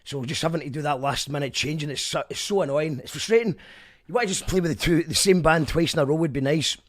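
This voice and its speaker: Speaking fast at a fairly high pitch, a radio host who also plays in a band chats casually. He's animated and rambling, frequently stopping to correct himself.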